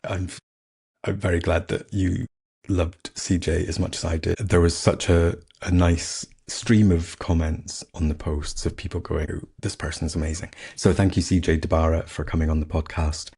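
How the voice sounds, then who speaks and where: Gravelly deep-voiced man, candid solo podcast. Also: little pitch movement, moderate pace, a little mellow. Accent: faded Scottish. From Scotland. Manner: candid, self-mocking, chatty. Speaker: podcast host. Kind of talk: casual solo podcast chat.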